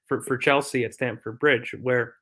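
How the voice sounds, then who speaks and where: A man's voice: medium pitch, fairly even intonation, a little slow, pushed and bright. Chatty man talking football as a physio. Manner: thoughtful, filler-heavy, explains from a physio view. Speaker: podcast co-host. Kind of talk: casual football chat.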